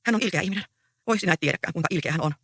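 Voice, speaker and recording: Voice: medium pitch, a bit bright, no room sound, clean studio sound. A reader voicing an earnest, anxious young peasant woman in a stage play read aloud. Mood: pleading. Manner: pleading, earnest.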